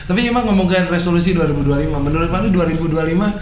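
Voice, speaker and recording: A man's voice: on the high side, rapid-fire. A young man with a Sundanese accent hosting a podcast in casual, joking, crude slang. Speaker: podcast host. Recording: roomy echo, faint background noise.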